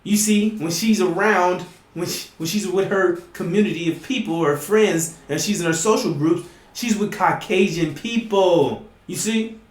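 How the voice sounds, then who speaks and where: A man preaching emphatically to his listeners, often asking "you see?" and sometimes rising to a shout. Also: high voice, unhurried, roomy sound. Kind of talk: impassioned preaching monologue.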